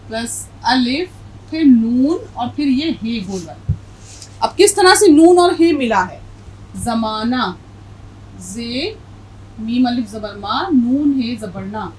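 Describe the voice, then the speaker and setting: Slow, patient woman teaching a language. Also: fairly high pitch, slight background noise, poor audio. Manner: patient, spells out letters and stresses correct pronunciation. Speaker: Urdu teacher. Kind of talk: language lesson.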